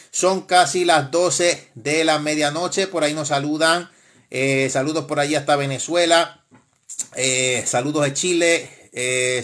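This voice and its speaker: A man's voice: fairly high pitch, fairly bright tone. A man hosting a live stream, casually commenting in a mocking, laughing way, with frequent exclamations.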